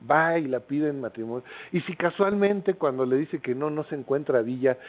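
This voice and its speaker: A man's voice: fairly high pitch, normal speed. Mexican man telling a story, tinny sound. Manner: colloquial, many fillers and tag questions. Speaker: lecturer. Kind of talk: storytelling lecture. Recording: tinny phone-like lecture recording.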